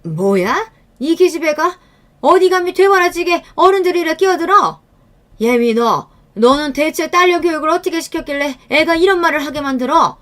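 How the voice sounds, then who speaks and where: A woman's voice: fairly high pitch, fairly quick, lightly acted. A woman voicing an older, nagging mother-in-law who scolds her daughter-in-law with contempt. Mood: scolding, scornful.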